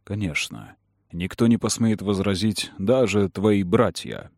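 A man's voice: fairly low pitch, sing-song, darkish tone, dry recording, clean studio sound, full character voice. Man playing a cold, commanding noble father. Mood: cold firm. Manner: slow, firm, measured. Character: cold powerful aristocratic father, calm and manipulative.

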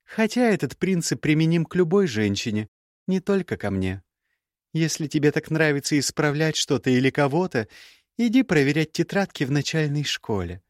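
A man reading an audiobook voices a sharp-tongued, sarcastic young woman mage in a high, mocking tone. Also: sing-song, moderate pace, dry recording, clean studio sound. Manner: cutting, mocking, icy sarcasm. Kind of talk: audiobook character voice.

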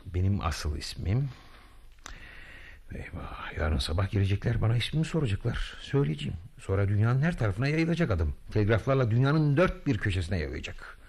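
A pompous, boastful self-made hero. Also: male voice, on the low side, sing-song, a little fast, vocal fry, darkish tone, husky, exaggerated voice. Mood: musing. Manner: grandiose, theatrical, muttering to himself. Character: boastful self-styled male freedom hero, pompous, vain. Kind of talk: radio drama acting.

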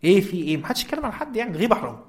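High-voiced Egyptian man lecturing. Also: big pitch swings, racing. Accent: Egyptian Arabic. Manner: conversational, often checks in with listeners. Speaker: religious lecturer. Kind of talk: informal religious lecture.

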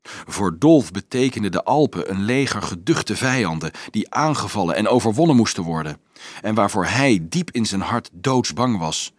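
A man reading a children's novel aloud in a lively, expressive storytelling manner. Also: lowish voice, moderate pace, no echo, studio quality. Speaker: audiobook reader.

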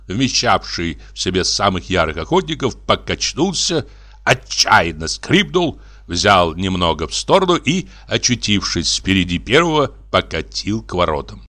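Lively male storyteller. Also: fairly low pitch. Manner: expressive, animated storytelling. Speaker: narrator. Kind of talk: audiobook story reading.

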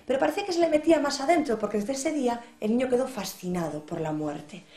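Fast, lively woman storyteller, echoey room. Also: on the high side. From Portugal. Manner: lively, dramatic. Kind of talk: oral storytelling.

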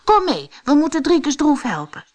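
Woman voicing Brammetje Braam, a bright eager little guy. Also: normal speed. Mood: urgent. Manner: bright, excited storybook voice, high-pitched. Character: cheerful little male forest creature, eager helper. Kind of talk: audiobook character voice.

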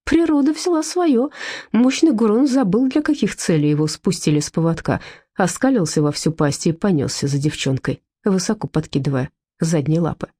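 A woman reads a story aloud with animated, expressive delivery. Her pitch moves a lot, her tone is dark and mellow, and her voice has a slight huskiness. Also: moderate pace, husky, no room sound, clean studio sound. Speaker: audiobook narrator. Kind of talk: scripted narration.

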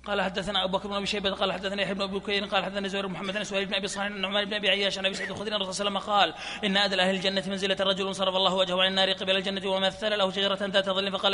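A man reading hadith chains aloud at a study session, in a rapid, flat recital. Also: high voice. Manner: reads fast in a flat chant, laughs softly at times. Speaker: hadith reader. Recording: reverberant hall with faint noise.

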